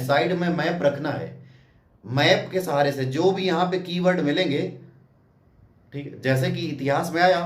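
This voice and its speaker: A man's voice: on the high side, echoey room. A man giving a casual coaching talk on exam preparation, talking directly to the viewer and often checking in with "okay". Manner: direct, repeats "ठीक" as a check-in, addresses viewer as brother. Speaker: exam prep teacher.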